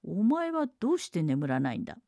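A woman voicing a greedy male forest monster who speaks in a lowered, gruff voice and puts on false kindness. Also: wildly swooping pitch, brisk, dark tone, no echo, heavily acted. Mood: wheedling.

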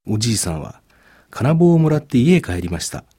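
A man reading a folk tale aloud in an expressive storytelling manner. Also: medium pitch, a little fast, husky. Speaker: narrator. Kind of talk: storybook narration.

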